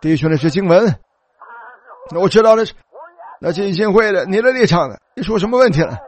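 A man's voice: sits high, animated, brisk. A man preaching a sermon, telling the story animatedly and calling out hallelujah.

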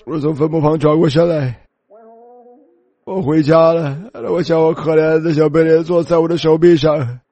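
A man with a high voice delivers a sermon as a personal testimony. He speaks in an emotional, pleading manner that often turns tearful. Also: little pitch movement, normal speed, mellow, no room sound, dull audio. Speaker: preacher.

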